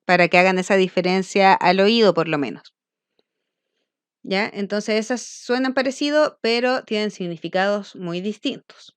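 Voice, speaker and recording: A woman's voice: mid-range voice, normal speed, clear, resonant tone, no echo. A woman teacher with a Chilean accent patiently explaining a grammar lesson to children, often checking they follow.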